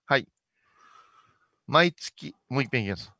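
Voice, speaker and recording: A man's voice: medium pitch, rapid-fire, no echo, studio quality. A middle-aged man, a Buddhist monk hosting a casual chat show, with a playful, joking manner. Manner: playful, jokey, animated.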